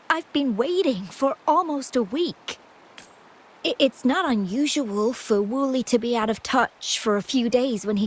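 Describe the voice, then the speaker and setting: In a video game, an actress voices a gentle, anxious and ailing young woman who speaks softly and politely with hesitant stammers. Her voice is on the high side and husky, and the recording is rough.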